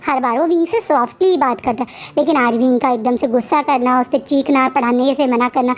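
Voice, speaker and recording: A woman's voice: sits high, a little fast, lo-fi sound. A woman casually retelling a fan fiction story, chatty and restarting her sentences often. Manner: chatty, frequent restarts and fillers.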